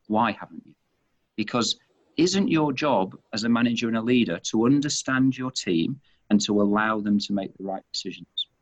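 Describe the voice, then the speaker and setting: A muffled recording captures a medium-pitched middle-aged man from England with a Manchester accent. He heads an organization and, answering interview questions on leadership, often repeats words while working out his point.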